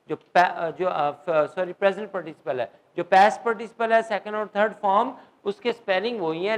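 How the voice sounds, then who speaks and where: A man's voice: high-pitched, poor audio. A middle-aged man teaching an English grammar class. He quizzes his students and mixes English terms into his Urdu.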